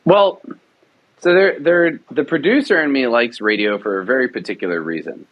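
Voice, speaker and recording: In a casual interview, a man who produces radio dramas talks enthusiastically and rambles, restarting often. His voice is mid-range and moderately paced, and the recording sounds lo-fi.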